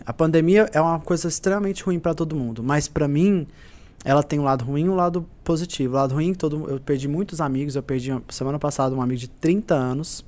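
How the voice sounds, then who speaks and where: A man's voice: fairly high pitch, a little mellow. A man, a musician guest telling stories earnestly in a casual podcast chat. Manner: earnest, repetitive storytelling.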